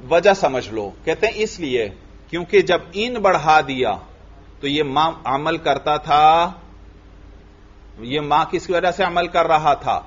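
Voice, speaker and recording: A Pakistani man teaching Arabic grammar in a classroom lecture, reading the Arabic text slowly, explaining it step by step and putting questions to his students. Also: fairly high pitch, dull audio. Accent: Pakistani Urdu.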